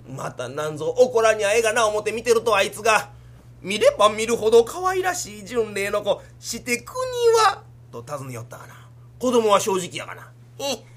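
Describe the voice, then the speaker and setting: A man's voice: high-pitched, a bit bright, exaggerated voice. Man playing a grumbling old Kansai merchant father. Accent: Kansai Japanese. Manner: scolding, exasperated. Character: grumbling older male merchant, fretful father. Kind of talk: rakugo storytelling.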